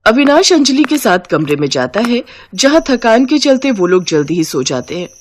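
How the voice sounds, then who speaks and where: A woman's voice: fairly high pitch, big pitch swings, normal speed, a little hiss or hum. Woman telling a funny family story, chatty and mocking. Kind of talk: scripted comic narration.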